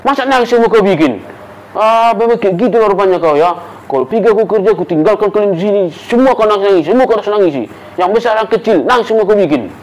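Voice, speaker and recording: An actor playing a hot-tempered father with a Batak accent, who scolds loudly and later turns meek and apologetic. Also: sits high, lively intonation, quick pace, rough recording. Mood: angry. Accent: Batak Indonesian. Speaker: father of the household. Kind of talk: amateur family drama acting.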